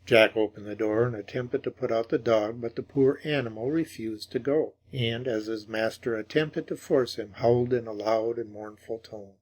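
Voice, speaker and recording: A man narrating a classic ghost story in measured, dramatic audiobook style. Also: medium pitch, darkish tone.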